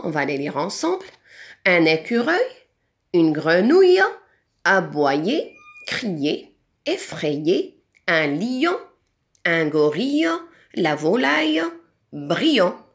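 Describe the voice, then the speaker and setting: A woman teacher with a Moroccan accent leads a remote French lesson for young pupils. She talks slowly and patiently in a fairly low voice. Her tone swings widely and sing-song as she draws out each example word. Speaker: primary school French teacher.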